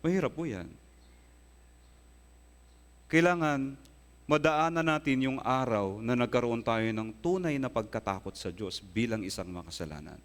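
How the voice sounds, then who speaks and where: A male pastor preaching a sermon with earnest emphasis, often asking his congregation rhetorical questions and rising into emphatic high bursts. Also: normal speed, long pauses. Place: church hall. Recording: long hall reverb.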